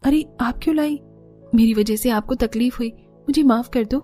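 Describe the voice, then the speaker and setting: A woman's voice: on the high side, moderate pace, warm tone, faint music behind, natural voice. Woman voicing a timid young orphan bride. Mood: apologetic. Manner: apologetic, tearful pleading.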